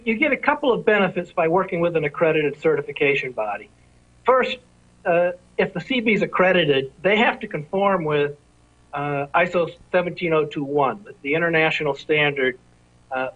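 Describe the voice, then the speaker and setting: Man on a tinny phone line. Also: a little high. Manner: measured, careful, lists points. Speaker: interview guest, industry executive. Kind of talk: formal explanatory answers.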